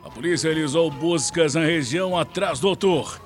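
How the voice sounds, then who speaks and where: A man's voice: on the high side, normal speed, faint music behind. A Brazilian man reading a scripted radio police-news bulletin as the reporter.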